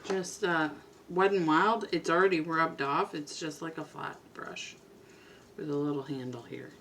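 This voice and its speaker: In a low-pitched, steady, unhurried voice, a beauty vlogger chats casually at home while applying makeup. She rambles a little and sometimes goes quiet, and background noise is present.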